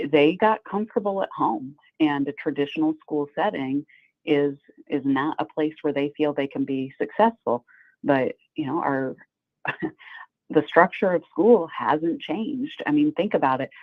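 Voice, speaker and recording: An American woman, a school superintendent, explaining things in a measured way in a phone interview. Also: low voice, no echo. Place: on the phone to a radio show. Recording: tinny, band-limited phone line.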